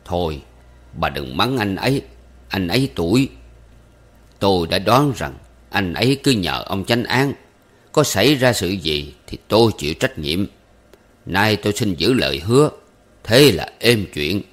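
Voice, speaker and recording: Guy doing calm old gentleman, slow and measured, a little dry and ironic. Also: deep voice, exaggerated voice. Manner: unhurried, measured, mildly ironic. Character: calm, composed older gentleman.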